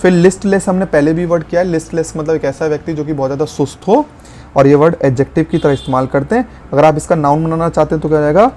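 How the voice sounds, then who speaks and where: A man explaining English vocabulary in a lesson, slowing down to spell out and stress key words. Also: on the high side, mellow, a little hiss or hum.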